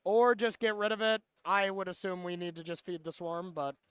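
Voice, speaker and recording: A man's voice: sits high, normal speed, fairly bright tone, smooth, no room sound. A man giving live play-by-play commentary on a card game, analytical with dry sarcasm.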